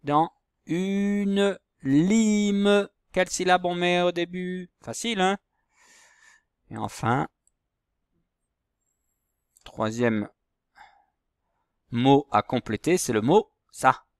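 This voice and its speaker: Male primary teacher, very slow delivery, patient explaining, dry close recording. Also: high voice, fairly even intonation, clear, resonant tone, no room sound. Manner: slow, patient, spells out letters and syllables. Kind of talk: recorded handwriting and reading lesson for young pupils.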